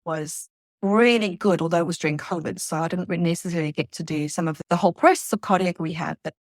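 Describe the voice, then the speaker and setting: A woman's voice: on the low side, no room sound, clean studio sound. Earnest reflective woman from South Africa. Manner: earnest, reflective, halting at times. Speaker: guest. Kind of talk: emotional personal interview.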